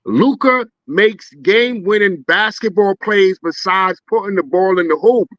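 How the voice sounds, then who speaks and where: A man's voice: high-pitched, dry recording. Teasing man on a dry, dull mic. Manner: animated, teasing, quick. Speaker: podcast co-host. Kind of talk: casual sports debate.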